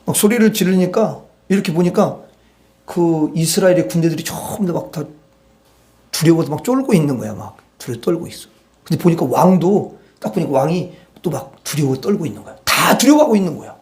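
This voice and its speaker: A man's voice: a little high, expressive, a little fast, darkish tone. A man preaching a Sunday sermon, retelling a Bible story with acted-out dialogue and leading the congregation in reading verses aloud. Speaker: pastor.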